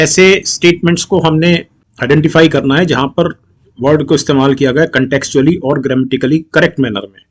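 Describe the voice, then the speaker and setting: A middle-aged man with an Indian accent explains exam grammar questions, mixing Hindi and English and reading English sentences slowly and deliberately. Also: a little high. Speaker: exam-prep English teacher.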